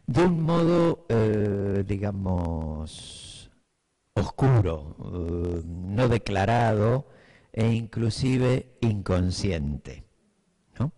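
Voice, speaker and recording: Speaking extremely slowly in a mellow, expressive voice that sits on the low side, this middle-aged Argentine man teaches a class for teachers. He has a Buenos Aires accent, uses fillers as he thinks out loud, and keeps making sure his listeners are with him.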